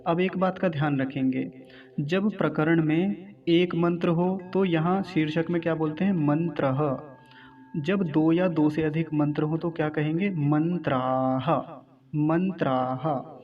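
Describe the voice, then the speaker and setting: In this pronunciation lesson, the Vedic recitation teacher speaks at a normal speed in a steady, somewhat high voice. He draws out each syllable of the Sanskrit verses and poses questions to his students. The audio sounds dull.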